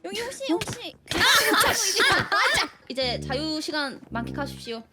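A woman's voice: very high-pitched, very animated, unhurried, very noisy. A woman playing assistant instructor at a camp, switching between formal announcements and playful banter. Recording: loud music over the voice.

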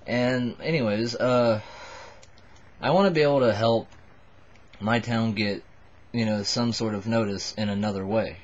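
A slightly drunk man in his twenties vlogs to his subscribers from a small wood-panelled bedroom, offering a casual, confessional monologue. Tipsy and buzzed, he speaks haltingly and rambles in a lowish voice, captured on dull lo-fi webcam audio.

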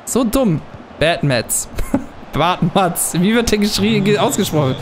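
A young man giving casual commentary while he plays a football video game, muttering at times and bursting out loudly at plays. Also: high-pitched, measured pace, a little hiss or hum. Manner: excitable, swings from muttering to loud outbursts at plays. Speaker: gaming channel host.

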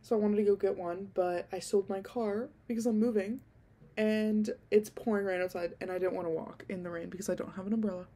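A sick, slightly nasal young woman hosting a podcast talks casually and rambles with many ums and likes, her handheld desk mic close to her mouth in a dim bedroom. Her mid-range voice is warm, fairly quick, and fairly even in intonation.

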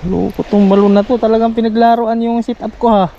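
A fishing vlogger from the Philippines chats excitedly with viewers, calling them "idol" and repeating himself as he fishes on a sunny sandy beach by the sea. He speaks fairly quickly in a high voice. His head-mounted action camera's outdoor mic gives a muffled sound full of wind and sea noise.

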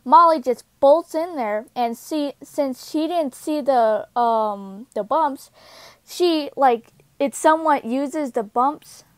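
A young woman casually telling a personal story, halting with many fillers and restarts, recorded on a close home microphone. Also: sits high, no echo.

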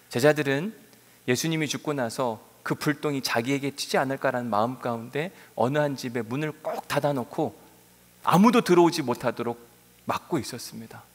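A male pastor preaching a sermon in a church sanctuary, telling the story in an animated way and acting out biblical dialogue. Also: mid-range voice. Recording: long reverb of a large church hall.

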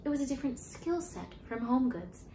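A woman's voice: high-pitched, lively intonation, fairly quick, dark tone. An actress in her twenties playing a flustered, defensive young jobless graduate in a naturalistic stage monologue, rambling and hesitant. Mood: defensive, incredulous. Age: 20s. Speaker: actor performing a monologue. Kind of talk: naturalistic contemporary theatre monologue. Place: small bare-walled room indoors. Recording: echoey room, faint hiss and noise.

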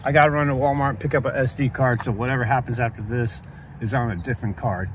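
A man's voice: mid-range voice, fairly even intonation, quick pace, low-quality recording. A middle-aged man chatting casually on a travel vlog, filmed on a phone at arm's length outdoors, grumbling and joking in an offhand way. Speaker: vlogger. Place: outdoors on a windy coast. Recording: loud wind and outdoor noise. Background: wind, traffic and outdoor noise.

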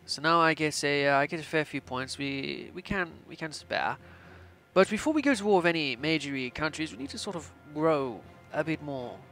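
A man in his twenties with a slightly high, somewhat bright voice hosts a gaming channel. He commentates on a strategy game playfully, adopting a mock-imperious, theatrical tone and a put-on Austrian accent.

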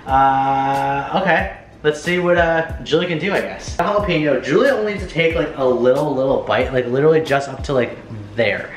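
A young American man chatting casually to camera as host of a challenge video, slangy and prone to swearing. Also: mid-range voice. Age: young adult. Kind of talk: casual vlog chat to camera. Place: home kitchen, indoors. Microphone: camera mic a few feet away. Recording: echoey kitchen, faint music behind.

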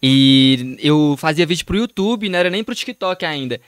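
A young man, a guest in a casual interview, relaxed and quick to laugh as he chats in slang. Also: a little high, smooth, no room sound, clean studio sound. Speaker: guest, comedy content creator.

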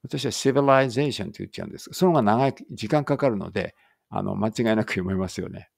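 A man with a low, gravelly voice runs a relaxed read-aloud English lesson. He thinks out loud and corrects himself as he goes, then reads each English line slowly and carefully. His voice sounds close and dry, with no room around it. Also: no room sound. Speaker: English teacher.

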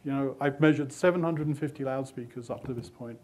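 This older British magazine editor has a medium-pitched, darkish voice and a brisk pace. Fielding audience questions at a conference talk in a hotel meeting room, he explains thoughtfully and loosely, restarting at times, while turned away from the podium mic.

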